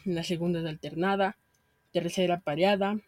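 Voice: mid-range voice, steady tone, normal speed, no room sound, studio quality. A speaker reading out a metric analysis of a poem in a methodical, list-like recitation.

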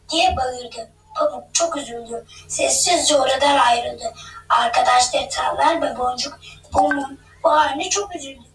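A woman narrating a children's story in a gentle read-aloud manner. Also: high-pitched. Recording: echoey room, distant mic, faint hum.

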